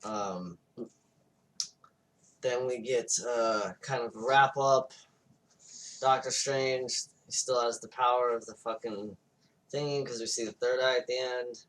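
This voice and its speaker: A man's voice: medium pitch, fairly even intonation, a little slow, long pauses, a bit bright. Podcast guy rambling thru a movie plot, swears a lot, sounds kinda far from the mic. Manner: loose, profane retelling with acted-out quotes. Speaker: podcast co-host. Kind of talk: casual movie review chat.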